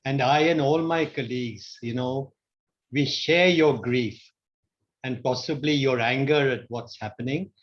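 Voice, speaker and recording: A man speaks slowly and earnestly, welcoming a guest. His voice comes through dull, lo-fi call audio. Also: mid-range voice. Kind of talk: brief welcome on a video call.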